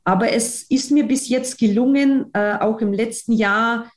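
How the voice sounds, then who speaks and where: A woman with a slightly high voice speaks unhurriedly in German, not her native language, with a foreign accent. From outside Germany, she's an interview guest who works as a newspaper editor and trainee trainer, and she tells a personal account while repeating words for emphasis.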